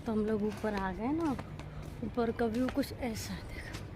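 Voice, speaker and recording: A woman's voice: on the high side, a little slow, noisy background. Chatty woman vlogging at home. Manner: chatty, talks straight to viewers. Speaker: vlogger mother. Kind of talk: casual family vlog narration. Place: at home, later on the rooftop. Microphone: handheld phone camera.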